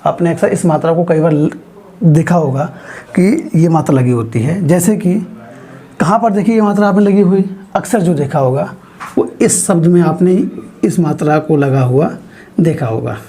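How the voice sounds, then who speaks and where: A man teaching a grammar lesson, explaining slowly and asking his students frequent questions as he writes on a board. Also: on the high side, mellow, slightly rough. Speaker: Hindi teacher.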